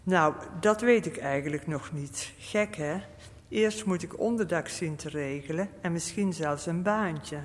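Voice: medium pitch, a little slow, lightly acted. A storyteller voicing a hesitant young man just out of prison, unsure and wistful. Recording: long reverb.

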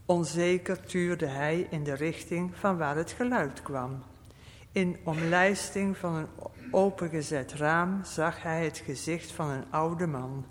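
A narrator reading a story aloud in a calm, steady manner. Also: mid-range voice, slow, a little hiss or hum. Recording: long reverb.

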